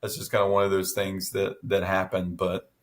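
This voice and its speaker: A man's voice: sits low, monotone, moderate pace. A middle-aged man in casual chat as podcast co-host, telling stories with many restarts and fillers.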